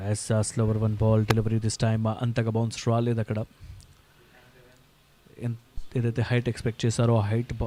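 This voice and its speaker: A male cricket commentator with a Telugu accent calls play ball by ball in a mid-pitched voice that keeps to a narrow range. He mixes in English terms and often restarts his thoughts with "So". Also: mellow. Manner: starts phrases with "So", repeats himself.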